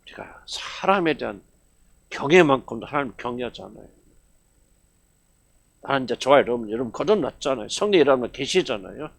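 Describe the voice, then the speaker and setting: A man, senior pastor of his church, preaching an emphatic sermon with rhetorical questions. He swings between loud exclamations and hushed asides. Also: medium pitch, animated, quick pace, long pauses. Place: church service.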